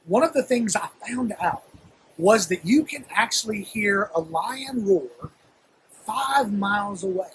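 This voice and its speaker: A man's voice: high voice, lively intonation, measured pace, a bit bright, a little hiss or hum, rough recording. A man with a Southern accent giving an earnest, reflective sermon as a guest minister, speaking to a camera. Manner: earnest, reflective, building to emphatic calls.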